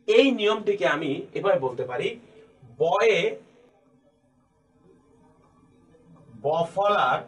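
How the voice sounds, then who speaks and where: A Bangladeshi Bengali man teaching a grammar class in a high-pitched voice. He is patient and slow, and he repeats each key point. He speaks straight to his students like a classroom teacher.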